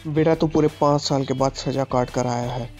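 A man's voice: medium pitch, steady tone, moderate pace, darkish tone, soft background music. A man voicing an angry poor father who rants and threatens while narrating a game story. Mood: fatherly. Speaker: gaming channel host.

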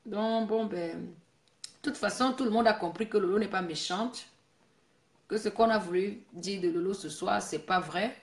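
Woman host of a casual live stream, scolding and preachy, mid-pitched, recorded in an echoey room. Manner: scolding, preachy, repeats herself.

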